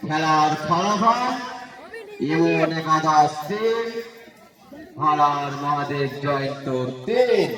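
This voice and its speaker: Man, excitable live football commentator, drawn-out shouted calls, roomy echo, crowd noise. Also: fairly high pitch, recorded from a distance. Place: outdoors at a local football ground.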